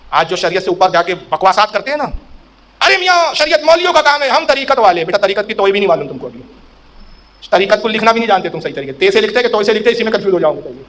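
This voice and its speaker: A man's voice: high-pitched, fairly bright tone, a little hiss or hum. A man preaching a sermon in a storytelling way, acting out quoted speech with a raised voice.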